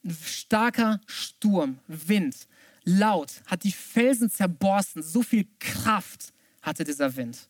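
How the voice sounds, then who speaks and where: A woman's voice: mid-range voice, animated, slow, dry recording. German woman preaching, dry close sound. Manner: drops to a near-whisper, then rises to urgent emphasis. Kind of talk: sermon with Bible reading.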